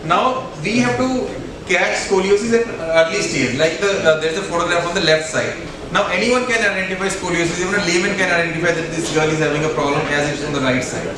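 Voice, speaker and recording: A man's voice: sits high, fast talker, noisy background. Echoey, distant Indian man lecturing. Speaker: spine surgeon giving a lecture. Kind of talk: medical conference presentation. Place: hotel banquet room, indoors. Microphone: handheld microphone, heard through distant camera. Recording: echoey room from afar, audience murmur.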